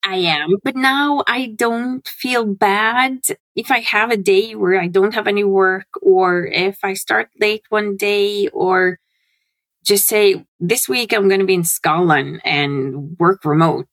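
Guest: woman, lively and laugh-prone, slight vocal fry, dry close sound. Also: mid-range voice, no echo. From Norway. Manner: animated, laughs often, quick bursts. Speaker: guest, CRM consultant. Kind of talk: casual interview chat. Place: home.

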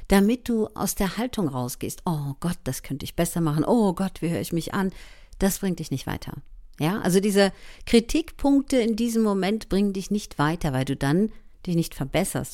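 A woman leading a voice training lesson, speaking directly to the listener in an encouraging way, sometimes dropping into soft asides. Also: medium pitch. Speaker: voice coach.

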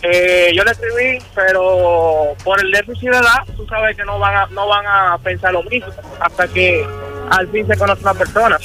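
A man calling in to a radio show, calmly explaining his view. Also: sits high, moderate pace, soft background music. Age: 20s. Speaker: caller. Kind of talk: phone-in call.

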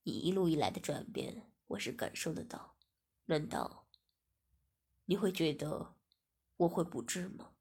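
A woman doing a calm, soothing young man. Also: fairly low pitch, moderate pace, creaky, pauses often, husky, voice pushed down, exaggerated voice. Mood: gentle.

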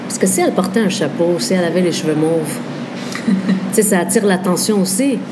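A Quebec French woman speaks in a low voice, thinking aloud with lots of fillers. She is recorded in a café, and heavy background noise sits under her voice. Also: fast. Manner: thoughtful, lively, frequent fillers. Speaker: interview guest. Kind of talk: casual conversation.

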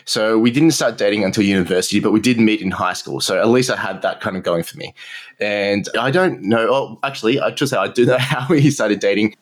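Here the guest is an Australian man in his thirties who works as a marketing entrepreneur, talking fairly quickly on the low side. His tone is candid and self-deprecating, broken up by frequent laughter, in a relaxed podcast interview.

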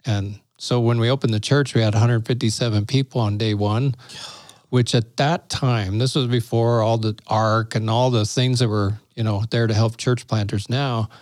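Middle-aged man, pastor guest, animated storyteller who laughs easily and acts out dialogue; dry, close sound. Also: mid-range voice, moderate pace, dry recording. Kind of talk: casual storytelling conversation.

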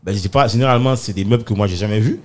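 A man's voice: on the low side, rapid-fire. A man hosting a podcast, asking questions in an eager, casual way, leaning on filler words. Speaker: podcast host. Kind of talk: casual interview chat.

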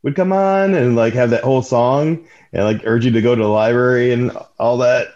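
A man's voice: mid-range voice, normal speed, darkish tone. Laid-back guy on a podcast, says like a lot, muffled lo-fi sound. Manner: laid-back, filler-heavy. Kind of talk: casual podcast chat. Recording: dull lo-fi sound.

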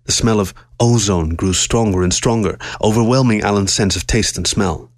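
A man narrating a science-fiction story aloud with steady, measured storytelling. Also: on the low side, dry recording.

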